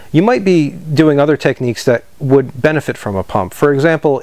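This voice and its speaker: A man in his thirties explains equipment choices in a steady, practical way, like a shop owner teaching customers. His voice sits at an ordinary middle pitch. The sound is dry, with no room echo. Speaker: homebrew equipment seller. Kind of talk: instructional product talk to camera. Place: indoor parts store room with shelves.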